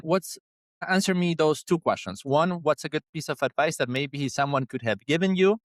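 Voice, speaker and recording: A man with an Argentine Spanish accent, a Spanish speaker hosting a podcast interview, talking in a halting way with many restarts. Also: mid-range voice, dry recording. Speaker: podcast host. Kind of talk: casual interview chat.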